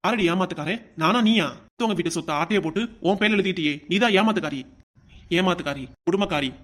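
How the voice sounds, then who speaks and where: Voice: mid-range voice, fast, fairly bright tone, close to an everyday voice. A performer voicing a wronged, hot-tempered young husband in a cartoon comedy, with a southern Tamil Nadu accent and a demanding, quarrelsome manner. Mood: furious. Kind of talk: cartoon comedy sketch acting.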